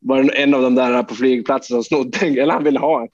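A man's voice: medium pitch, steady tone, darkish tone, muffled recording. A man from Sweden, a hockey player guest, telling a long anecdote in a loose, rambling way with lots of fillers and casual swearing.

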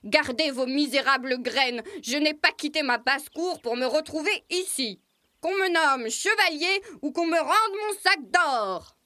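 A woman's voice: sits high, big pitch swings, measured pace, pushed and bright, dry recording, heavily acted. A woman voicing a proud, stubborn and bossy male rooster in a children's storybook recording. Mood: indignant. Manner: pompous, commanding. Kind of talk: storybook acting.

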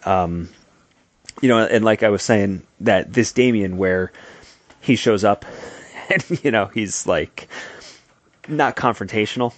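Easygoing male podcast co-host, fairly low voice. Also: slow, no echo. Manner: easygoing, laughs often while talking. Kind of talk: casual chat.

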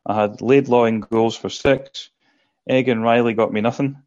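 A man's voice: medium pitch, steady tone, normal speed, darkish tone. A man with a Scottish accent chatting casually as a podcast panelist over a lo-fi internet call. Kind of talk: casual fantasy football podcast chat.

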